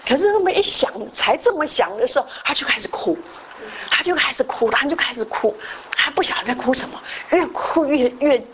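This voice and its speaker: A woman's voice: high-pitched, expressive, brisk, fairly bright tone, slight background noise, low-quality recording. A woman giving a sermon, telling a story and often slipping in English words. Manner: frequent "好" fillers and restarts. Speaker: church speaker.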